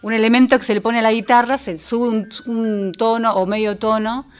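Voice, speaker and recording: A woman's voice: on the high side, steady tone, normal speed, clean tone, faint music behind. A woman singer-songwriter with a Rioplatense Spanish accent, talking through her songs in a casual interview, thoughtful and full of small restarts. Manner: reflective, with frequent fillers and restarts.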